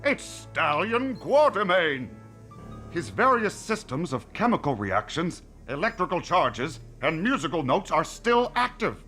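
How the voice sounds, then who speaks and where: A man playing an eccentric, curious, childlike scientist in a video game, speaking precisely and with deliberate wonder. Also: a little high, big pitch swings, sharp tone, soft background music, heavily acted. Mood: musing, curious. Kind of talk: video game character acting.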